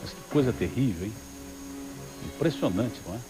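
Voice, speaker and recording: Brazilian male news anchor, fairly low pitch, presenting with chatty commentary over a music bed. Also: animated, moderate pace, poor audio.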